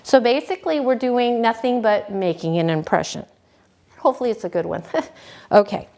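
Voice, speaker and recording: Folksy woman teaching cake decorating. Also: fairly high pitch. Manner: folksy, relaxed, talks while working. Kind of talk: hands-on demonstration.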